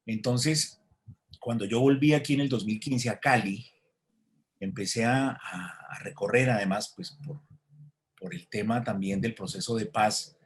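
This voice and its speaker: A man's voice: lowish voice, measured pace, a little hiss or hum. A man, an author answering interview questions in a reflective way, with hesitations and restarts, over a video call. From Colombia. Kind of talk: thoughtful conversational answer.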